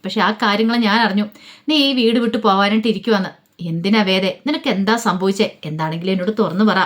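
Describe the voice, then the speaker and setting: Give me an insistent, pleading husband, fast-spoken, read by a woman storyteller. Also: medium pitch, natural voice. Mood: pressing. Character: Vikram, a man questioning his wife.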